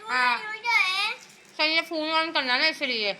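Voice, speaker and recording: A woman's voice: high voice, very animated, measured pace, gravelly, sharp tone, a little hiss or hum. A young woman, a mother, chatting casually to her viewers in a rambling family vlog.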